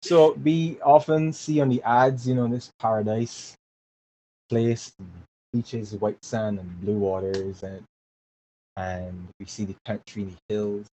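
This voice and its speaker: Taking his time, the Barbadian guest in his 20s has a fairly low, steady, mellow voice. He answers earnestly in a casual interview, circling back over words while he works out his phrasing, and the remote audio is dull and lo-fi with a soft hiss.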